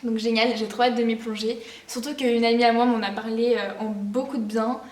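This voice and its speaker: A teenage girl vlogs about her presents in an excited, rambling way, full of fillers and false starts. Her voice sits a touch high. The room is echoey and she is some distance from the microphone. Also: a little fast. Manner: bubbly, rambling, many fillers and restarts. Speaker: vlogger. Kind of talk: casual gift haul vlog.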